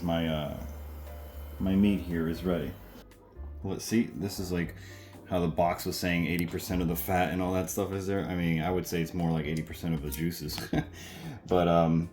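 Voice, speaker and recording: A man's voice: low voice, moderate pace, a little mellow, soft background music. A man casually chatting through a home cooking demo in his kitchen, rambling and correcting himself with lots of fillers.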